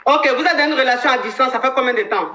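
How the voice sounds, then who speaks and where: A woman hosting a live relationship coaching stream, chatting casually, animated and thanking viewers by name. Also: high-pitched, fast talker, slight background noise. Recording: echoey room sound.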